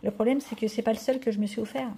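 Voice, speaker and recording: Chatty French-speaking woman vlogger, mellow voice. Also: on the high side, fairly even intonation, racing, a little hiss or hum. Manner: chatty, rambling, with many fillers and restarts. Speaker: coloring channel vlogger. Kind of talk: casual haul vlog chat.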